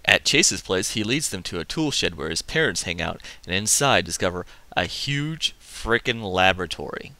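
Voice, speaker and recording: A man hosting a comic book review, summarizing the story with excitable, casual asides. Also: sits low, normal speed, hardly any pauses, slight background noise. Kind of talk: enthusiastic comic review narration.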